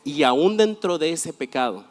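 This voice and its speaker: Male pastor, fairly high voice, animated storytelling sermon, long hall reverb. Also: normal speed, soft background music.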